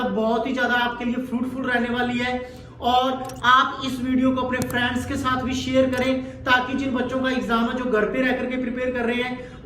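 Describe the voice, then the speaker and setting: Man exam coach, very high voice, direct teaching lesson, roomy echo. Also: fairly bright tone, slight background noise. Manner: direct, instructive, repeats points. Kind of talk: instructional video lesson. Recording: echoey room with faint ambience.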